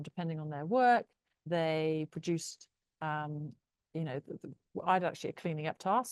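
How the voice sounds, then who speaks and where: Low-voiced chatty New teacher woman. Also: darkish tone, dry recording. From New Zealand. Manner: chatty and encouraging, many fillers. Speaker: technology teacher presenting to educators. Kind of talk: recorded presentation to teachers.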